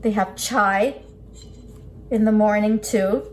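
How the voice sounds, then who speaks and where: She has a mid-range voice with fairly even intonation and takes things slowly. Indoors at a work table, the woman gives a casual cooking lesson, explaining each step while her hands do the work, against clear kitchen ambience.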